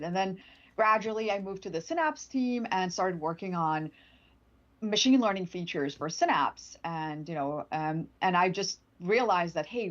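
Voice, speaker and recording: Through dull audio comes a fairly low-pitched woman from Sweden, a native Swedish speaker. As a product manager guesting on a casual livestream interview, she chats in an upbeat way, laughs a lot, and often restarts what she's saying.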